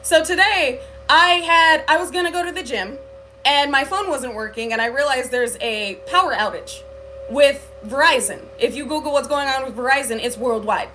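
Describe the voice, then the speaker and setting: A woman speaks to her livestream viewers in a high, bright, forceful voice. She tells a spiritual story earnestly and often fills pauses with "like" and "um." A faint hum runs behind her. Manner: earnest storytelling, many filler likes and ums. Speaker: spiritual reader. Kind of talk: livestream talk.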